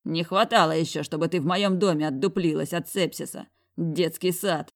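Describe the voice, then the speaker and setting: A woman's voice: low-pitched, moderate pace. A woman voicing a huge, brash billionaire boss who teases and orders people around in an audiobook. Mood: bossy teasing. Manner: teasing, bossy, coarse.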